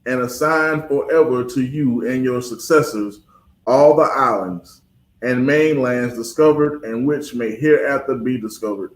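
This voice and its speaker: A man reading texts aloud for a street preacher, in a measured, steady manner. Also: mid-range voice, echoey room, low-quality recording. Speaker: scripture reader.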